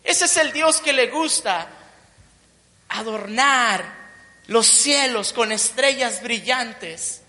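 A woman's voice: fairly high pitch, takes it slowly, pushed and bright. A woman preaching a sermon, building emphatic repeated phrases and tossing in joking asides. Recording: long reverb of a large hall.

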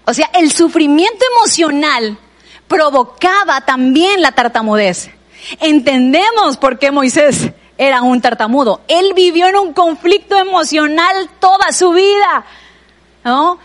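High-voiced Mexican woman preaching. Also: expressive, unhurried. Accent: Mexican Spanish. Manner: conversational preaching with asides to the listener. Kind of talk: sermon.

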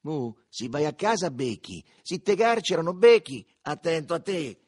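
A man's voice: fairly high pitch, big pitch swings, moderate pace, a little mellow, breathy edge, pitched above the performer's own voice. A man voicing rowdy Roman teen boys with a crude, jeering Roman accent. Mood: mock-threatening. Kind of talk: audiobook character voice.

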